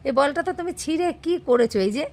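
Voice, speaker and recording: A woman's voice: sits high, lively intonation, fast, darkish tone. A woman filming her pet dog at home on a phone, talking to it in coaxing, repetitive baby talk. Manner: coaxing, sing-song, repeating herself. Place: home, indoors.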